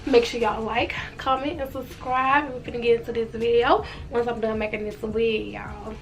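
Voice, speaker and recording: This young woman, in her twenties, reviews hair products in a relaxed home vlog while a washing machine runs close by and music plays in the background. Her voice is a little high, steady and at normal speed, though blocked up from a cold.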